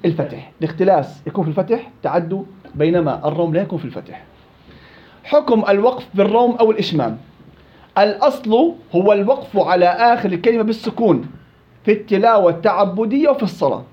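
Man, recitation teacher, fast, high-pitched, muffled lo-fi classroom recording. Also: lively intonation. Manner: explains by repeating and contrasting rules. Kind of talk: classroom tajweed lesson. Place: classroom with students.

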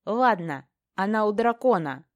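A woman's voice: on the low side, lively intonation, a little slow, darkish tone, dry recording. A woman reading an audiobook, voicing a frightened, sullen teenage apprentice boy who snaps back defensively. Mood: sullen, scared. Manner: snapping, defensive.

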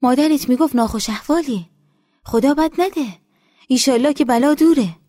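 A warm older village woman, voiced by a woman narrator, fussing over a guest in affectionate dialect. She sits noticeably higher and louder than the narration, coaxing, with a dark, husky tone. The storybook recording is close and dry. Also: no room sound.

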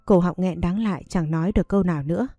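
A woman narrating a scripted story in a calm, even way. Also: on the low side, fast, no echo, studio quality, faint music behind.

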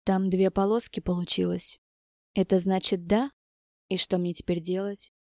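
A woman's voice: mid-range voice, flat delivery, normal speed, warm tone, dry recording, studio quality, natural voice. A woman voicing a frightened, tearful young pregnant woman who complains plaintively. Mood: bewildered.

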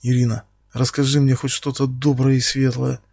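A man voicing a menacing male captor who speaks slowly and quietly, taunting his victim. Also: mid-range voice, little pitch movement, creaky, slightly rough, dry recording, clean studio sound. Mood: quiet menace. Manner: slow, quiet, taunting, bursts into shouting.

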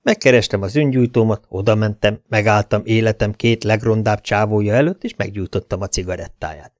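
A man's voice: lowish voice, dry recording, clean studio sound. A man narrating a first-person audiobook in a laconic, wry way.

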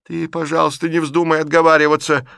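A man's voice: fairly high pitch, little pitch movement, a little fast, gravelly, a bit bright, smooth, no echo, clean studio sound, voice pushed up. A man voicing a fiery old aunt. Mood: scolding. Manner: scolding, blunt, agitated. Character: fiery, sharp-tongued elderly aunt, a woman.

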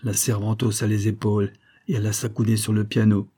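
Male audiobook narrator, mellow, steady storytelling pace. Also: fairly low pitch, a little fast, husky.

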